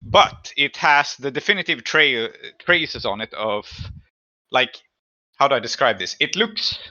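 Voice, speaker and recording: A man narrates an improvised tabletop game as its game master, building his descriptions on the fly. His middle-pitched voice is very bright and sharp, expressive and unhurried, though the recording sounds slightly dull.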